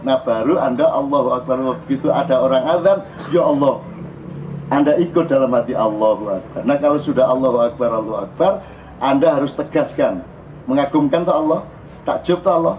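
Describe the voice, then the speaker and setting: A man's voice: mid-range voice, brisk, highs cut off, slight background noise. A man with a Javanese accent giving an informal, joking religious talk to a crowd at a live forum. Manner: joking, animated, mixing in local dialect. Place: live open forum event.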